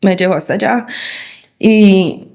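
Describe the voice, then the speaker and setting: Woman, interview testimony, slow and halting, many pauses. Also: medium pitch, darkish tone. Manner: halting, recounting with frequent pauses. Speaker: victim's daughter.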